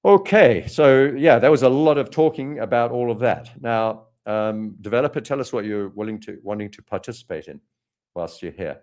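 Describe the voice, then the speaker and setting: A man's voice: mid-range voice, lively intonation, moderate pace, darkish tone. A man with a South African accent giving live trading commentary over charts, thinking aloud with frequent ums and self-corrections. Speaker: trader hosting a live market stream.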